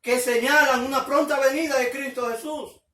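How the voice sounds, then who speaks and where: A man's voice: very high voice, fairly even intonation, normal speed, bright, forceful tone. A man preaching a sermon, asking the listeners one question after another. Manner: asks the listeners many questions. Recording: echoey room, mic at a distance.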